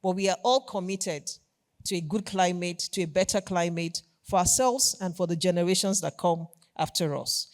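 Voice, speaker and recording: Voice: mid-range voice, normal speed. A company executive with a Nigerian accent giving a formal conference keynote with polished corporate enthusiasm, repeating key phrases for emphasis.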